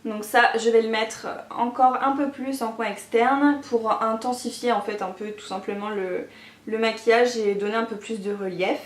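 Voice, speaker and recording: Chatty woman with a fairly high voice. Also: fairly even intonation, normal speed. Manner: chatty, many fillers. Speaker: beauty YouTuber. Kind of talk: makeup tutorial. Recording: echoey room.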